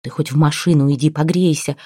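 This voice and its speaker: A woman voicing an impulsive, emotional woman friend who pleads and shouts through tears. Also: deep voice, steady tone, brisk, no echo, studio quality. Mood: pleading. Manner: loud, tearful, indignant.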